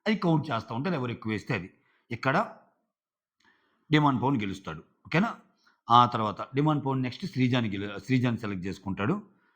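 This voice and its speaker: A man's voice: medium pitch, expressive, fast, long pauses, fairly bright tone. Chatty man recapping, dull lo-fi sound. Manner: chatty, filler-heavy retelling. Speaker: show reviewer. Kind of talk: casual episode recap.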